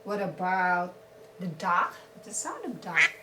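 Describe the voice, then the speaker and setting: A woman teaching a small child animal names in a home video. She speaks slowly and patiently, and her pitch swoops up and down in a lively sing-song. She sounds far from the mic in an echoey room, with loud noise behind her. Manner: slow, patient questioning with sing-song prompts.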